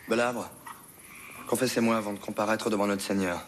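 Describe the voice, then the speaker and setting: A man's voice: lowish voice, fairly even intonation, a little fast, a little hiss or hum, lightly acted. An actor playing a melodramatic young nobleman who speaks grandly and pompously. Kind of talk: film drama acting.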